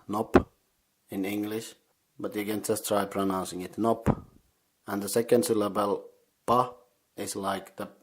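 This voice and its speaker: A man with a Finnish accent, hosting a podcast, teaching Finnish words for board gamers syllable by syllable, recorded in a sauna. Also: on the low side. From Finland. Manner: patient, slow, spells out syllables. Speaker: podcast host. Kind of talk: language lesson for board gamers. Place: sauna, indoors, not heated.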